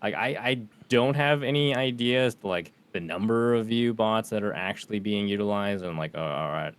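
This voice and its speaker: Laid-back lower-voiced guy, laughing often. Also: normal speed, clear, resonant tone. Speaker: podcast guest, streamer. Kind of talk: casual chat.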